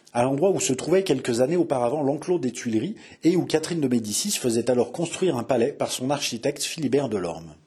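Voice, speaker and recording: A man's voice: mid-range voice, a little mellow, breathy edge. A man reading an adventure novel aloud in a dramatic narrating style. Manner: dramatic, builds intensity. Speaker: audiobook narrator.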